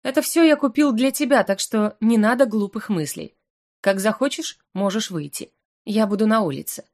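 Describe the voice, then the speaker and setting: A woman's voice: mid-range voice, moderate pace, darkish tone, lightly acted. A woman reading the lines of a teasing, seductive male incubus professor in an audiobook, with a purring, playful manner.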